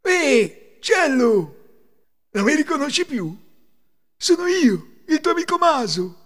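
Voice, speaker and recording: A man's voice: extremely high pitch, very animated, slow pace, fairly bright tone, voice pushed up, exaggerated voice. An Italian man voicing a frightened young peasant man in a folk tale audio story. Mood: cheerful.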